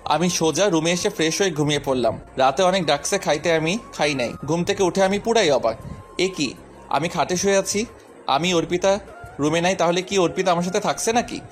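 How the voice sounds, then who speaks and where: Young male narrator-lead, high-ish voice, casual and wry, faint music bed. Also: a little fast. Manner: casual, wry first-person storytelling. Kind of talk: audio love-story narration.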